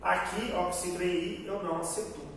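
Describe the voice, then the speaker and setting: A man's voice: sits high, fairly even intonation, brisk, a bit bright. A man with a Brazilian Portuguese accent teaching grammar in an online class, explaining patiently and often checking in with the class. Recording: very echoey room, voice far from mic, faint hiss.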